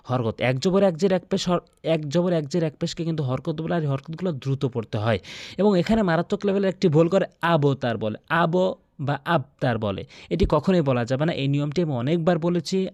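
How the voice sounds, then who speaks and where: Man, Bangladeshi Bengali accent, Quran tajweed teacher, slightly high voice, dry close sound, repeats each rule. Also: a little mellow, no room sound. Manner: explains slowly, then chants verses long and high; repeats instructions and appeals for likes. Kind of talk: tajweed lesson with chanted recitation.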